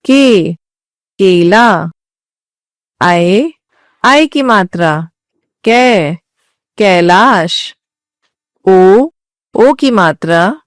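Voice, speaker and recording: A woman slowly reading a grammar textbook aloud as a lesson, saying the letters one at a time with long pauses. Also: mid-range voice, no echo, clean studio sound.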